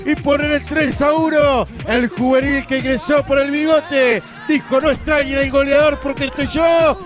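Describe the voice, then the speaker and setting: Very high male voice, Uruguayan football play-by-play for radio, breakneck goal commentary, theatrical shouting, music and crowd behind. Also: steady tone. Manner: shouts drawn-out goal calls, emphatic and theatrical.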